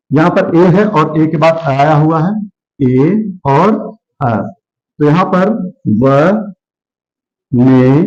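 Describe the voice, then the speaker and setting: A man's voice: fairly high pitch, a little mellow, dull audio. A male teacher giving a grammar lesson, who repeats words and asks and answers his own questions.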